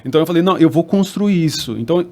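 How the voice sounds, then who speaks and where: A man with a Brazilian Portuguese accent, hosting a church podcast and telling a family story in an animated way, acting out the dialogue. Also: fairly high pitch, racing.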